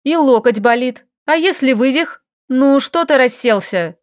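A woman's voice: sits high, animated, a little slow, dry recording, studio quality, voice pushed up. A woman voicing a fiery, capricious young noblewoman who talks in an indignant, demanding, snappy way in an audiobook.

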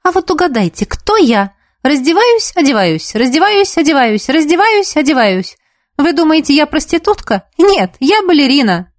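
A playful teenage ballet girl, put on by a woman reader, teasing in a high, sing-song voice. The sound is dry and close. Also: big pitch swings, normal speed, dry recording.

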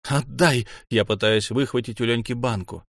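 A man's voice: on the low side, steady tone, moderate pace, no room sound. A man narrating a novel in the first person, tense and urgent, close to the mic. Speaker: audiobook narrator.

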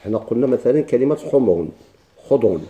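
Male grammar teacher, Moroccan Arabic accent, very dark tone, medium pitch, patient step-by-step explainer. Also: expressive, fast talker. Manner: explains step by step with rhetorical questions and repetition. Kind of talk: classroom grammar lesson.

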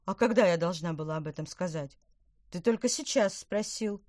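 Cheery little witch girl, woman reading, high bright voice, dry close sound. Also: normal speed, dry recording, lightly acted. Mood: defensive.

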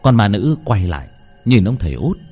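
Husky-voiced male horror storyteller. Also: lowish voice, big pitch swings, moderate pace, darkish tone, faint music behind.

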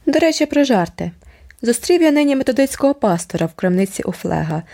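A woman reading an audiobook and voicing a blunt, blustering rustic uncle who talks loudly at the dinner table. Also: fairly high pitch, very animated, quick pace, vocal fry, pitched above the performer's own voice. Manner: loud, blunt declarations.

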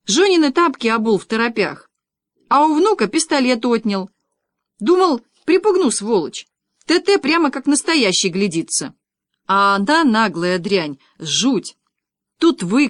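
A woman voicing an angry middle-aged man who yells rude, indignant accusations in an audiobook. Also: on the high side, very animated, moderate pace, no room sound, clean studio sound. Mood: yelling indignant.

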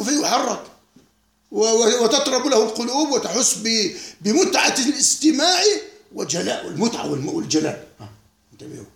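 Animated gravelly lecturer, echoey room. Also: male voice, high voice. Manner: animated, rhetorical questions, laughing asides. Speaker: sheikh teaching a classical text. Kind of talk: spontaneous lecture commentary.

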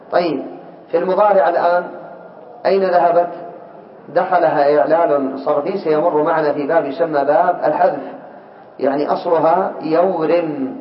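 Man, teacher, deliberate classroom delivery, repeats words, dull lo-fi sound, faint background hiss. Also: on the high side. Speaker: teacher of Arabic morphology. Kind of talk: classroom lesson commentary. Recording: echoey, dull lo-fi room recording.

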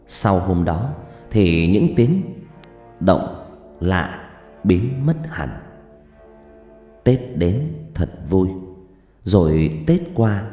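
A man narrating a ghost story, slow and dramatic, hushed on suspense, with roomy reverb and faint music. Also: sits low.

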